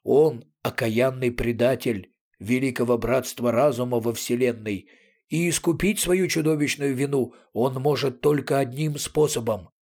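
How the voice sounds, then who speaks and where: Stern older fleet commander, imperious and booming, voiced by a man. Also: measured pace, darkish tone. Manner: thundering, commanding.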